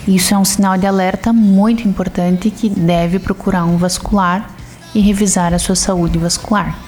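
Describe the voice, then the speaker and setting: A woman's voice: medium pitch, steady tone, moderate pace, darkish tone, soft background music. A woman vascular doctor answering interview questions, explaining symptoms step by step.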